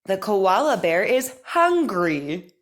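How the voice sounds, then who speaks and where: A woman leading an articulation drill as a speech teacher, over-enunciating practice sentences in a careful, deliberate, encouraging manner. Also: medium pitch, sing-song, a bit bright.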